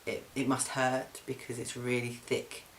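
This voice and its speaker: Recording a casual video diary indoors at his flat, a young man from England talks in a loose, chatty, halting way, with frequent ums and restarted sentences. His mid-pitched voice stays fairly monotone, and a faint hiss runs underneath.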